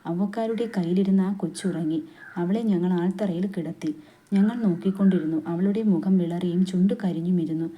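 A woman reading a literary story aloud in a steady, unhurried narrating voice, with dialogue quoted along the way. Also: on the low side, highs cut off. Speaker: story reader.

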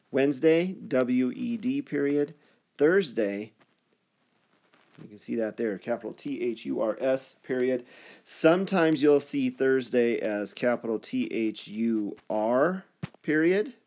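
A man teaching a grammar lesson like a schoolteacher, deliberately dictating letters and punctuation. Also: mid-range voice, a little mellow. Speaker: third-grade teacher.

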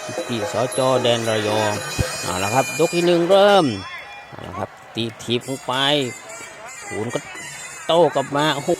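A man giving excited, exclamatory boxing commentary as a Muay Thai fight commentator. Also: medium pitch, normal speed. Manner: exclamatory, reacts to each strike with repeated interjections. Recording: loud music and crowd noise behind. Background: loud music and crowd.

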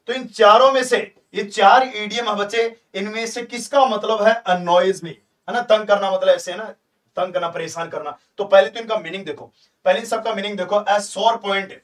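Online tutor, male, high-pitched, chatty and repetitive, mic slightly distant. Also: moderate pace. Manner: chatty, coaxing, repeats himself, asks students questions. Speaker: teacher. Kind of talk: live online exam-prep lesson.

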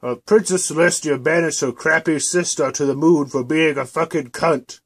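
A man voicing a furious, foul-mouthed young mare unicorn scholar in a parody cartoon dub, yelling and bossy. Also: on the high side, normal speed, breathy edge. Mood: alarmed.

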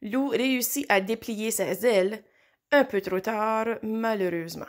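A woman reading a children's picture book aloud, expressive, with slow dramatic pauses. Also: mid-range voice. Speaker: storybook reader. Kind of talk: children's story read aloud.

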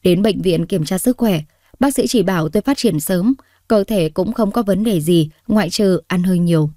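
A woman storyteller reading a story aloud in a steady, expressive way. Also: fairly low pitch, normal speed, no echo, studio quality. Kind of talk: scripted story narration.

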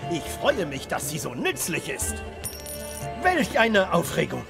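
Showy fantasy game auctioneer, high lively voice, formal bid-calling patter, music behind. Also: male voice, measured pace, vocal fry, exaggerated voice. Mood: showy, courteous. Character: showy, courteous male auctioneer addressing genteel guests.

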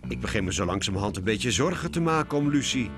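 A strict mother cat from a cartoon, put on by a man. She scolds in a high, swooping falsetto, far above his own voice, over music. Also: expressive, fast talker, close to an everyday voice. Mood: worried. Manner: stern, scolding. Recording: music bed behind.

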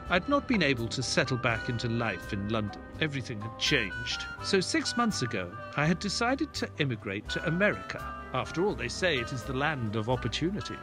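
A man playing a mild, earnest doctor who narrates his detective tale in a measured, polite audio play style. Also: medium pitch, close to an everyday voice. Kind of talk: dramatic first-person audio play narration.

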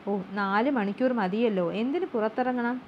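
A woman's voice: a little high, normal speed, natural voice. A woman voicing an earnest, middle-aged male pawnbroker who talks plainly, in a storybook reading. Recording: slightly dull with faint hum.

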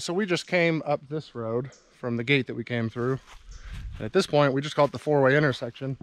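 A man vlogging outdoors, casually explaining his farm to the camera as he walks through the woods. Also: medium pitch. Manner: relaxed, explanatory, walking and talking.

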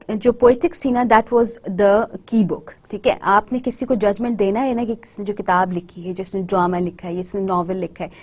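A woman's voice: mid-range voice, darkish tone, breathy edge. A woman lecturer giving a recorded university lecture. She switches between Hindi-Urdu and English and often stops to check that the class follows. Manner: slow deliberate English phrases, quick runs in Hindi-Urdu.

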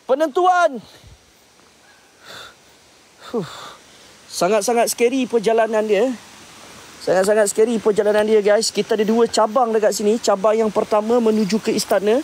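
Tense high-voiced man ghost-hunting. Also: little pitch movement, brisk, darkish tone. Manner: tense, urgent, recites prayers under his breath. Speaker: paranormal investigation streamer. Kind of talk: live ghost-hunting commentary with prayers. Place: outdoor temple ruins near a forest.

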